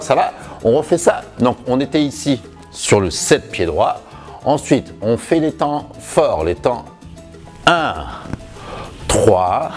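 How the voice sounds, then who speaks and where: A man with a low, very animated voice leads a home salsa lesson. He talks in an unhurried way, counting beats and cheering the viewers on, with faint music behind him. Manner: lively, encouraging, counts beats with sung emphasis. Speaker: salsa dance teacher. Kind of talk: home dance lesson, counting steps aloud.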